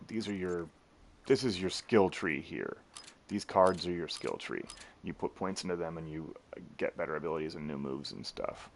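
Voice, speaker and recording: A man's voice: very deep voice, vocal fry, slight background noise. A man streaming a video game, casually rambling and laughing as he explains it. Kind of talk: casual gameplay commentary.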